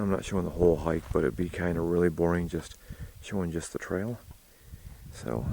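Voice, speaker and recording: A man casually narrating an outdoor hiking vlog to his viewers on a windy high ridge, recorded on a handheld camera with wind noise. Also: vocal fry, dark tone. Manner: informal, addressing viewers as "guys". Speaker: hiking vlogger.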